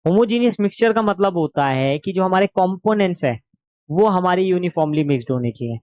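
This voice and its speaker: A man's voice: sits high, expressive, brisk, highs cut off. A man with a sore throat teaching an exam revision lesson, explaining patiently and asking and answering his own questions.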